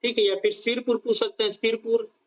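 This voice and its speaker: A man's voice: very high voice, level tone, fairly quick. A man teaching an online exam-prep class on current affairs, drilling students with repeated questions and stretching out key phrases.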